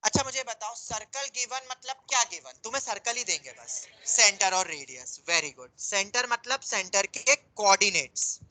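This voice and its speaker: A male maths teacher lectures a class with a bright, forceful voice. He explains patiently, slipping English terms into Hindi and calling his students "beta". He speaks in a classroom with students present. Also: high voice, expressive, moderate pace, few pauses, rough recording.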